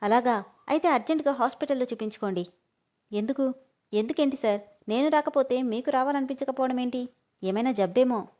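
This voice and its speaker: A woman voicing a spirited young woman with sharp retorts, in a storybook reading. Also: high-pitched, a little fast, pauses often, muffled recording, natural voice.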